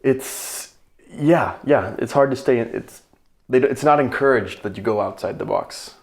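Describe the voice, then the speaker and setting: A Danish man speaking English as a second language guests on a podcast in casual conversation, reflecting, searching for words and laughing easily. His voice is medium-pitched, creaky, and moderately paced.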